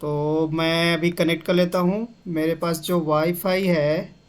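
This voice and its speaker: Slow, high-voiced man explaining tech steps. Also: steady tone. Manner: step-by-step, mixes in English terms. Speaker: tech tutorial host. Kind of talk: casual screen-share tutorial.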